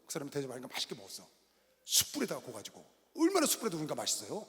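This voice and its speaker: A middle-aged man preaching a sermon as pastor, telling stories with animated delivery and sudden bursts of shouting. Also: medium pitch, very fast. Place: large arena hall. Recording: long reverb of a large arena hall.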